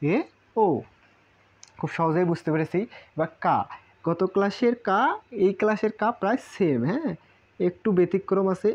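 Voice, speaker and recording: A man's voice: sits high, muffled recording. A man teaching a casual Japanese lesson, repeating syllables in lists and asking rhetorical questions. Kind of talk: casual spoken lesson at a whiteboard.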